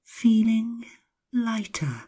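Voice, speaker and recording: A woman narrating a guided sleep hypnosis like a sleep story, hushed and soothing, often slipping into whispers, with drawn-out, repeated phrases. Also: fairly high pitch, sing-song, slightly rough. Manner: drawn-out, repetitive phrasing with long pauses.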